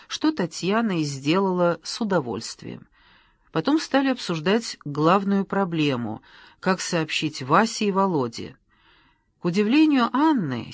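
An audiobook reader narrating a story in a lively, expressive way. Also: medium pitch, no echo, studio quality. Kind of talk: scripted narration.

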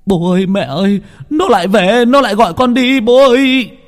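A man voicing a terrified grown son who is haunted by a demon, shouting in shrill panic. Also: moderate pace, lightly acted.

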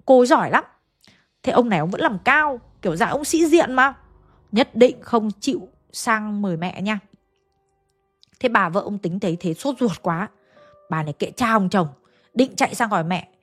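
A woman's voice: mid-range voice, lively intonation, moderate pace, long pauses, faint music behind. A woman narrating a ghost story in a casual, chatty way, speaking directly to her listeners with folksy asides.

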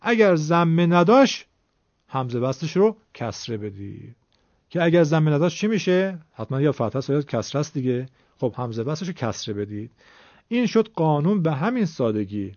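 Very animated and fairly high-pitched with a darkish tone, a man teaches Quran recitation rules classroom-style. He goes step by step with patience and questions his students, all in a dull, dry, lo-fi recording.

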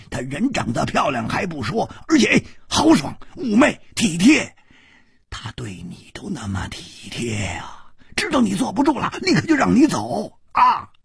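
一位男说书人扮演一个豪爽莽撞的侠客，说话大嗓门、咋咋呼呼。. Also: male voice, high-pitched, gravelly, husky, no room sound, clean studio sound, voice pushed up, full character voice. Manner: loud, exclamatory, boisterous. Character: brash boisterous swordsman, loud and excitable.

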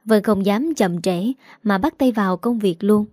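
A woman narrating a romance story in an even, plain reading style. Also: mid-range voice, measured pace, dry recording, clean studio sound.

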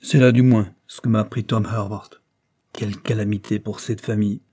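A male narrator voicing a smug, evasive gentleman army captain in an audiobook. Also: lowish voice, steady tone, moderate pace, close to an everyday voice. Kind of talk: audiobook character voice.

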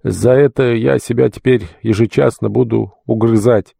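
A man's voice: low-pitched, moderate pace, dark tone, no room sound, clean studio sound. A man voicing an impulsive, emotional deacon in his fifties, raising his voice in heated, contrite pleading. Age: 50s. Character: big emotional middle-aged male deacon, impulsive. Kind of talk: audiobook character voice.

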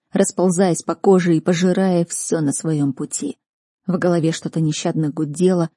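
A woman reading first-person fantasy narration as an audiobook reader, measured and tense. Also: lowish voice, dark tone, breathy edge, dry recording, clean studio sound.

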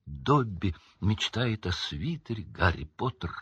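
A man voicing a timid, eager male house-elf who squeaks nervously and stammers, in a storybook reading. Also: sing-song, slow, a bit bright, dry recording, lo-fi sound, full character voice. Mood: excited. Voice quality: high squeak, breathy. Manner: nervous, stammering, self-abasing.

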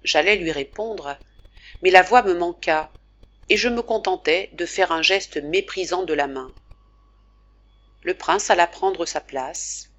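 A woman narrates a classic novel in a fairly low voice. Her reading is measured and expressive, with clear, steady storytelling. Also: dull audio. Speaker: audiobook narrator.

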